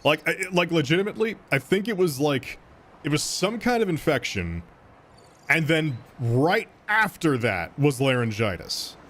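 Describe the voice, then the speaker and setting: A man's slightly high, fairly bright voice swings widely in pitch as he streams a game at a moderate pace, with faint music behind him. He chats casually with viewers, reads donations and thanks donors. He rambles with many fillers and restarts and laughs often.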